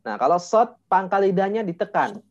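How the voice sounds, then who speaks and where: A male Quran recitation teacher coaching a student one-on-one, patiently demonstrating sounds slowly and filling pauses with "eh". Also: high-pitched, big pitch swings, darkish tone. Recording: dull lo-fi voice message audio.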